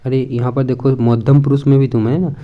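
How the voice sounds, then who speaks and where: A man's voice: mid-range voice, flat delivery, brisk, lo-fi sound. A man teaching an exam-prep grammar lesson in a chatty way, repeating points and mixing in English words.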